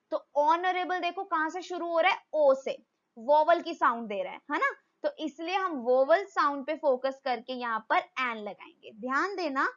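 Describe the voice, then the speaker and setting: A woman's voice: sits high, pushed and bright, lo-fi sound. A woman with an Indian accent teaching English grammar, mixing Hindi and English and asking the class questions that she then answers herself. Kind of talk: explaining grammar in a video lesson.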